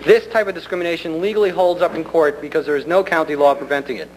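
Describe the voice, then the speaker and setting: A man delivers a prepared public speech at a government meeting in an earnest, deliberate and polite way. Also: on the high side, fairly even intonation. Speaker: community center director addressing a county commission. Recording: noisy hum, 1990 public meeting recording.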